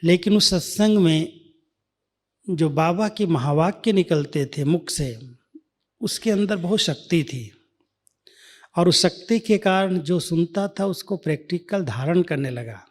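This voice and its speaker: Man, spiritual speaker, slow and measured, slightly high voice, hushed asides. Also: expressive. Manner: slow, measured, drops to soft near-whispers. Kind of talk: devotional storytelling talk.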